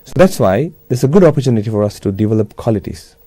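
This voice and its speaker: A man with a Sri Lankan accent speaks in a mellow, relaxed tone, close and dry. He delivers a religious address in measured, simple phrases, like a teacher explaining step by step. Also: lowish voice, dry recording. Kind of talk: religious talk, New Year address.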